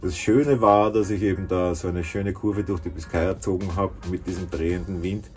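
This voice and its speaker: A man speaks casually to a camera held close in a small boat cabin. He is relaxed and chatty, dropping easy fillers as he goes. Faint music plays underneath. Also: sits low, normal speed. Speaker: solo sailor vlogging his voyage. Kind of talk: casual spoken vlog. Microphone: camera at arm's length.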